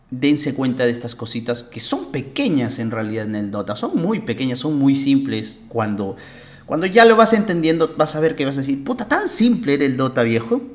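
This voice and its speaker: Blunt, animated gamer coach. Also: male voice, mid-range voice. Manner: emphatic, profane and blunt. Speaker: game coach and streamer. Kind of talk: casual game analysis commentary.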